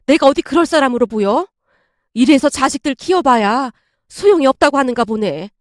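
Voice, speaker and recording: A woman's voice: high voice, expressive, normal speed, no room sound, clean studio sound. A woman voicing an elderly widowed grandmother who speaks with indignant, old-fashioned phrasing. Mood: aggrieved.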